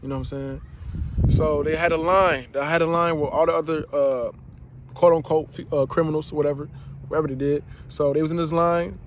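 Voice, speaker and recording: A man's voice: a little high, fairly even intonation, brisk, slight background noise. A young man telling a personal story in a casual, rambling way, full of slang and repeated words. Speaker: vlogger and rapper.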